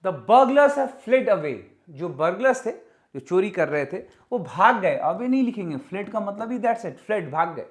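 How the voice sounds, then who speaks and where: A man teaching English for an exam, giving a classroom lecture and slowing right down whenever he reads out the example sentences. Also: sits high. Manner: lively, slows down to spell out English example sentences; keeps checking in with the class as he teaches.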